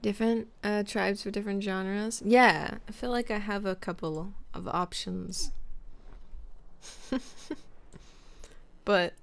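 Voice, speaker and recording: Here a young woman streamer talks in a slow, creaky, mid-range voice with long pauses. It's relaxed live-stream chatter, rambling and full of fillers and restarts, as she greets her viewers by name.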